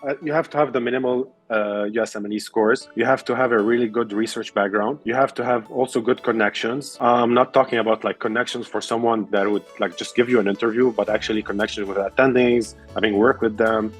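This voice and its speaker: A man's voice: on the low side, steady tone, brisk, few pauses, husky, soft background music. A young man from Lebanon, a resident explaining his path as an interview guest with many fillers and restarts. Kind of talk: casual interview answers.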